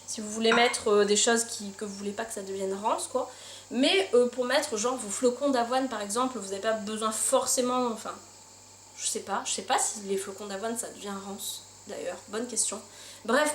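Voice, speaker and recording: A woman chatting casually in a haul vlog, gushing over her purchases, filled with fillers, recorded at home with windows open. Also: on the high side. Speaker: vlogger showing her shopping haul. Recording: roomy home room, faint insect noise. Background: insects outside.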